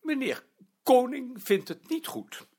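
A man's voice: extremely high pitch, big pitch swings, takes it slowly, darkish tone, slightly rough, full character voice. An actor playing a prim male office director who talks hesitantly, stammering now and then. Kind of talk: drama acting.

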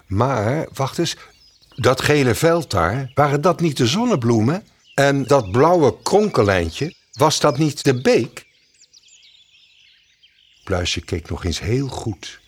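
A man narrating a scripted children's story in an expressive, gentle storytelling way. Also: mid-range voice, slow, husky.

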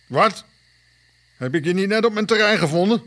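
An actor playing a grumpy, distrustful old male farmer who speaks in a gruff, scolding way. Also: fairly low pitch, sing-song, normal speed. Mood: angry. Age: older.

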